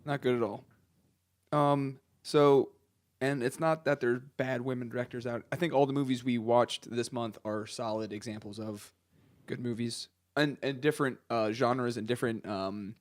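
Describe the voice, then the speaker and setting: A man's voice: mid-range voice, steady tone, moderate pace, no room sound. Guy hosting a movie podcast, rambly and laughing, dry close mic. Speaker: podcast host. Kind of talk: casual film podcast chat.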